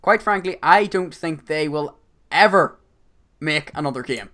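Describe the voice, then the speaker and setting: A man's voice: on the high side, animated, unhurried, sharp tone. A man hosting a casual gaming podcast, talking energetically with a sore voice and stumbling over repeated words. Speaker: podcast host.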